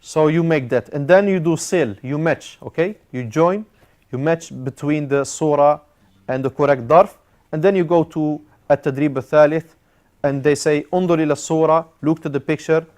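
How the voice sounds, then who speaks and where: Guy teaching a class, a bit high voice, lots of uh's, keeps repeating words and dropping in arabic terms. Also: a little mellow. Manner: halting, with frequent "uh" fillers, mixing in Arabic terms; explains step by step, repeating key words. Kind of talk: classroom grammar lesson.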